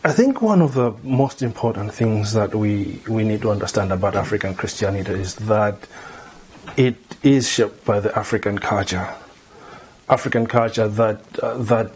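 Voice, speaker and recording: A middle-aged man from Malawi, a theology lecturer, answering interview questions in a measured way, often repeating words as he thinks. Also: on the low side, a little mellow, slightly rough. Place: indoor room before a banner.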